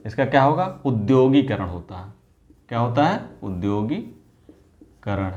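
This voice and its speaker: A man teaching an exam-prep lesson, repeating each word and firing off quick rhetorical questions in an informal, coaxing way. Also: medium pitch, big pitch swings, a little mellow, dull audio. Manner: drills words by repetition, asks quick rhetorical questions.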